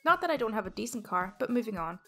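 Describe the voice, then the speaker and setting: A woman hosting a storytime channel, reading online posts aloud in a steady, even delivery. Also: a little high, quick pace, faint music behind.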